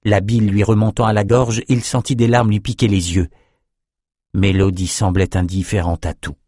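A man reading a novel aloud in a steady, measured narration. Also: on the low side, no room sound, clean studio sound. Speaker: audiobook narrator. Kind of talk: scripted narration.

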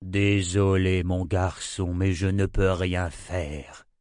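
A man voicing an old male prophet who speaks slowly and gravely, in a fatherly manner. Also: fairly low pitch, dry recording, studio quality. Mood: grave, weary.

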